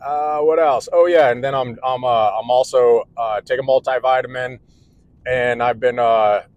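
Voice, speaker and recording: A man in his forties, an electrical contractor, talks casually to the camera at home in a vlog monologue, earnest and rambling with many restarts. His mid-range voice is steady and darkish at a normal speed. The recording is dry and the audio quality poor.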